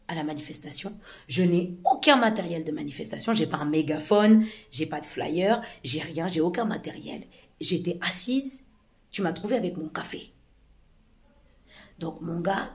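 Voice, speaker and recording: A vlogger with a hoarse, low voice recounts a police incident to the camera in a casual way. She sounds agitated and halting, with many restarts and fillers.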